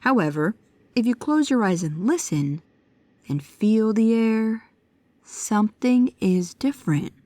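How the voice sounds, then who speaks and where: A woman with a slightly high, expressive, mellow voice speaks at a measured pace, playing a bookish, precise, nervous young paranormal investigator who addresses the listener in an audio roleplay. She sounds pedantic and curious, hesitant yet earnest. The recording is dry.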